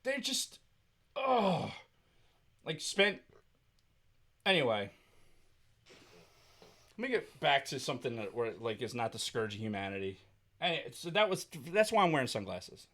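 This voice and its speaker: A man's voice: medium pitch, big pitch swings, a little slow, long pauses, fairly bright tone. A man co-hosting a casual podcast, ranting angrily and swearing heavily. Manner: heated, profane ranting. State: angry. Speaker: podcast co-host.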